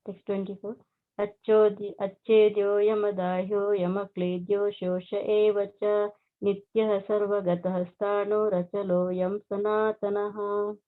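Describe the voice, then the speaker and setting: A woman's voice: mid-range voice, flat delivery, a little slow. A woman reciting scripture verses formally, heard over an online call. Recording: thin phone-like online call.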